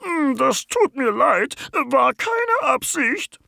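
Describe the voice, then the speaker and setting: A man voicing a sleepy young female bumblebee queen in a children's story, in a squeaky, drawn-out voice. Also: big pitch swings, creaky, sharp tone, dry recording, studio quality, exaggerated voice. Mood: apologetic.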